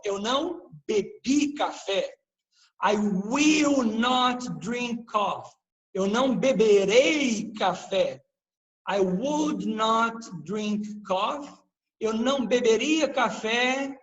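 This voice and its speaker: A male teacher leads a live online grammar lesson at his computer. He talks slowly and deliberately, pausing to quiz his students. His voice sits high for a man. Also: a bit bright, rough recording. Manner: explains patiently, quizzes the class with questions. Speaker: English teacher.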